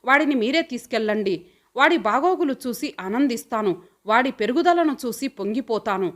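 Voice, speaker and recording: A woman's voice: fairly high pitch, animated, moderate pace, fairly bright tone. A woman reading the part of a poor, devoted young mother in an audio story, speaking in a heartfelt, pleading way.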